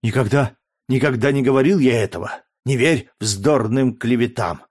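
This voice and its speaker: A man's voice: medium pitch, normal speed, a little mellow, lightly acted. A man reading an audiobook, voicing a terrified man of about forty who speaks in a trembling voice. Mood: pleading.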